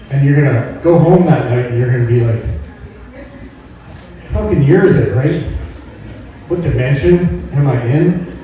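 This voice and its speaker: Recorded from afar in a very echoey indoor comedy venue, this middle-aged Albertan tells folksy, rambling jokes and keeps checking in with the audience. His voice is fairly high-pitched yet dark in tone, and the highs are cut off.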